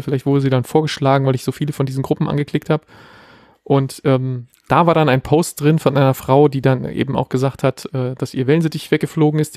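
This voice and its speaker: A man's voice: mid-range voice, mellow, dry recording, studio quality. A man in his thirties, co-hosting a podcast, telling a story casually with many fillers. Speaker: podcast co-host. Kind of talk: casual chat.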